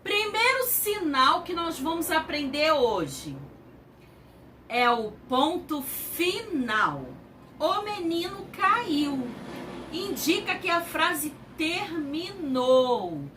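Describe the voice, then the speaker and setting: Bright-voiced Brazilian teacher speaking slowly. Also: female voice, high voice, recorded from a distance, a little hiss or hum. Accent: Brazilian Portuguese. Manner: animated, exaggerated sing-song teacher talk. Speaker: primary school teacher. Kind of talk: online class for young children.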